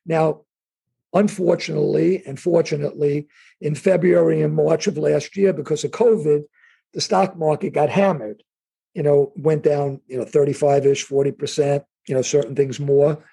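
New york guy in an interview, kinda husky and darker sounding, lots of stop-start restarts. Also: fairly high pitch, fairly even intonation, warm tone. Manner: halting restarts, conversational, acts out imagined speakers. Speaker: insurance and wealth planning executive, guest. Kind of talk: interview answers.

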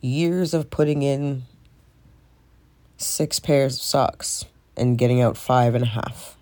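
A man with a stoned, stoner way of talking hosts a loose solo show. He rambles casually in an everyday mid-pitched voice and swears freely as he goes. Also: takes it slowly, darkish tone. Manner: frequent swearing. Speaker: podcast host.

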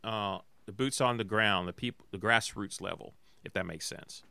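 A man from Atlanta co-hosting a casual talk show, relaxed and rambling, often correcting himself mid-sentence. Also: fairly low pitch, moderate pace, vocal fry, smooth, dry recording. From Atlanta, Georgia. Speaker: podcast co-host. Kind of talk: casual chat.

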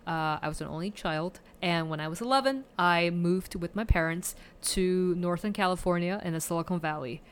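A woman from Taiwan, a guest on a casual conversational podcast, speaks thoughtfully and reflectively, with frequent fillers and restarts. Her voice is on the low side and clean, at a moderate pace with hardly any pauses.

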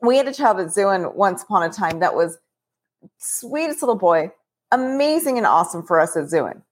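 A woman who leads a childcare program, telling stories about children in a relaxed podcast conversation. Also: medium pitch, moderate pace.

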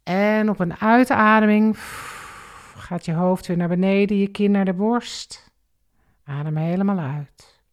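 A woman calmly guiding a relaxation and breathing exercise step by step, counting the breaths. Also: mid-range voice. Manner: slow, calm step-by-step guidance with counted breaths. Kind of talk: guided exercise instruction.

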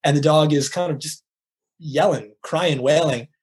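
A man's voice: on the high side, unhurried, a little mellow, slightly rough. A middle-aged man speaking as a life coach guest in an interview, earnest and emphatic, acting out little dialogues as he makes his points. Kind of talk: conversational interview, motivational.

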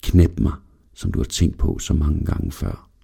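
A husky, stern woman teacher in her late thirties, all breathy half-whispers, as a male narrator puts her on. She is low-pitched and darkly mellow. It is an audio story read aloud. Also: level tone, exaggerated voice.

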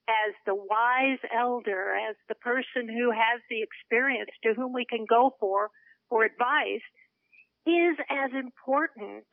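Woman in her seventies, earnest, slightly high voice, narrow phone sound. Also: no room sound. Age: 70s. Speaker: interview guest. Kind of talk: radio interview by phone. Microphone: telephone.

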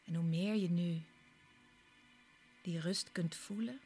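A woman guiding a relaxation exercise in a soft, soothing, partly whispered voice, with slow short instructions and pauses. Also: fairly low pitch. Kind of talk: soft, soothing guided relaxation with breathy, part-whispered delivery. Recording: clear background music. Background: relaxation music.

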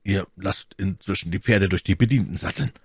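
A man reading the part of a proud, hearty musketeer in a storybook reading, speaking briskly. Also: deep voice, breathy edge, no echo, studio quality.

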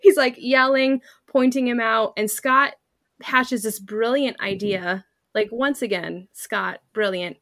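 A woman's voice: a little high, slow, dry recording, clean studio sound. A young woman co-hosting a podcast, recapping a TV episode in casual chat and acting out characters' lines with laughter. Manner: animated storytelling, acting out quotes with laughter. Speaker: podcast co-host.

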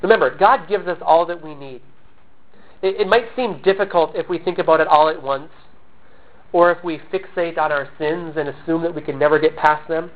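A pastor preaching in an earnest, measured way, posing questions to the congregation and answering them himself. His voice sits high for a man. The recording is thin and tinny, like a phone line. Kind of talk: sermon.

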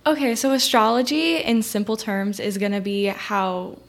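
A woman's voice: medium pitch, moderate pace. Young woman guest, easygoing chat. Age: young adult. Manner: easygoing, filler-heavy. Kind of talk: casual chat.

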